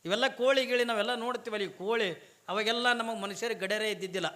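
A man's voice: high voice, rapid-fire, a bit bright. A man from Bijapur district with a North Karnataka accent, preaching a sermon and answering his own questions to the crowd. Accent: North Karnataka Kannada. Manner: asks the audience questions and answers them himself. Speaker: religious preacher.

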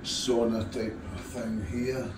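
Guy walking round a lodge filming on his phone, laid-back and halting, echoey rooms, lots of handling noise. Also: medium pitch, flat delivery. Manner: unhurried, informal, halting with fillers. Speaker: fishing guide giving a lodge tour. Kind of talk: casual walk-through tour. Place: wooden lodge rooms and hallways, indoors. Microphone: phone camera held while walking.

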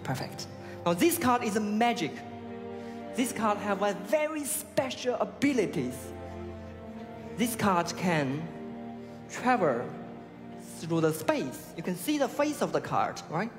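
A man in his thirties, a native Chinese speaker, gives halting showman patter in English as a stage magician. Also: sits high. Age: 30s. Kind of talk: talent show magic performance patter. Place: large theatre stage with audience. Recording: reverberant theatre with crowd and music.

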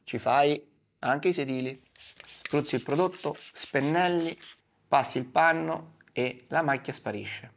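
Seated at a desk in a small padded studio with music playing behind him, a car detailing presenter in his thirties addresses the viewer directly. He speaks slowly in a colloquial, instructional way, using rhetorical questions. His fairly high voice carries vocal fry.

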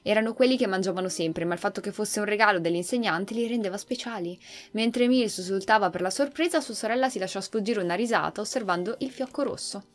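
A woman hosting a gaming channel, reading a game's story aloud in an expressive storytelling manner. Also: medium pitch, fast talker, few pauses.

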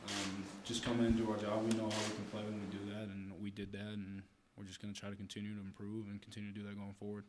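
A young man, a college linebacker, answering post-game questions quickly, saying "I mean" often. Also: on the low side, background noise. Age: young adult. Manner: quick, flat, peppered with "I mean". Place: press room with logo backdrop. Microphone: table mic.

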